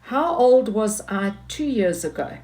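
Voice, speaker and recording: A woman's voice: mid-range voice, animated, unhurried, darkish tone. A woman teaching maths, talking patiently through each step of a worked example and repeating key points.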